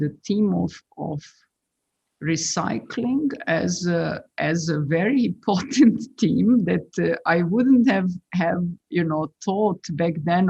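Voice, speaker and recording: A woman's voice: lowish voice, vocal fry, darkish tone, slightly rough. A woman, an architect speaking hesitantly on a video call, with many fillers and restarts. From Serbia. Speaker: architect guest. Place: small room indoors. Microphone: laptop on video call. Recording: muffled video call audio.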